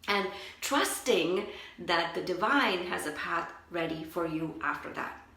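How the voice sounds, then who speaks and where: In an echoey room, this spiritual coach livestreams and responds to her viewers, musing aloud in a chatty way and often saying "like." Her voice is fairly low and sharp in tone, animated though a little slow.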